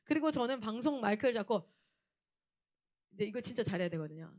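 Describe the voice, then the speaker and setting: A young woman missionary preaching with a fairly high voice. She tells stories and acts out loud, frantic scenes, then drops to a low, earnest tone. She slips into a Gyeongsang dialect now and then. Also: animated, a little fast. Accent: Gyeongsang dialect in places. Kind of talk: animated sermon with storytelling.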